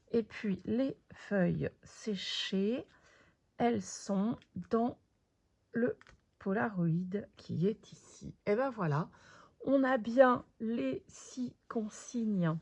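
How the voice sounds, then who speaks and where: Woman crafter, casual show-and-tell, slow and creaky, muffled lo-fi sound. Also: medium pitch, a little mellow. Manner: thinks aloud with many fillers and pauses. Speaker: crafter presenting her project. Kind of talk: casual craft video commentary.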